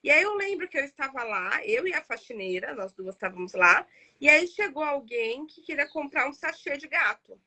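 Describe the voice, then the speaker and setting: A woman's voice: sits high, very animated, moderate pace, bright, forceful tone. A woman in her thirties with a Brazilian Portuguese accent, hosting a live talk circle and telling a personal story in a chatty, emotional way, often speaking straight to her audience. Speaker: therapist and host of a live discussion circle.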